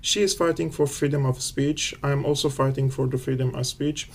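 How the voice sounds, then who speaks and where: Earnest man with many pauses. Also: mid-range voice, steady tone. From Syria. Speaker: guest endorsing the speaker. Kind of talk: recorded video message.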